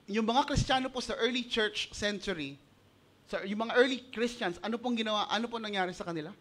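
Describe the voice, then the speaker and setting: Bright, high-voiced Filipino pastor. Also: male voice. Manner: animated, mixing Tagalog and English, acting out quoted voices. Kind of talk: sermon.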